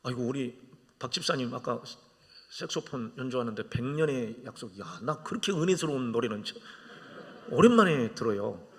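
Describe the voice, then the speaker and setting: A man's voice: mid-range voice, lively intonation, normal speed. A man in his fifties preaching a sermon as a guest preacher, telling jokes and stories. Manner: joking, storytelling preacher. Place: church sanctuary. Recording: reverberant church hall.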